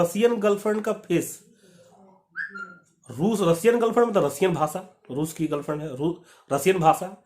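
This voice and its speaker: Animated man telling a memory-trick story. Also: high voice. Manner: animated storyteller acting out dialogue, addresses viewers as friends. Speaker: exam coaching teacher.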